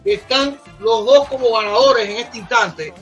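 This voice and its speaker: A man hosting a casual live-stream chat, excitable and exclaiming, often repeating his phrases. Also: extremely high pitch, a little slow, soft background music. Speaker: podcast host.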